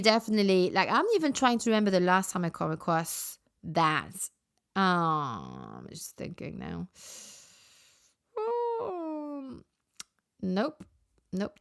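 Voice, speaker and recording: A woman's voice: mid-range voice, a bit bright, clean tone. A woman hosting a podcast, talking frankly and casually with lots of fillers and asides. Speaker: podcast host. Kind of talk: casual solo podcast chat.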